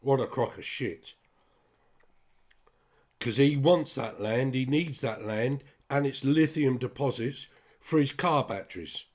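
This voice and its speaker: This vlogger, a British man with a medium-pitched, darkish voice, talks a little slowly as he addresses listeners directly. He goes off on a casual, rambling rant, blunt and sweary, with a British English accent.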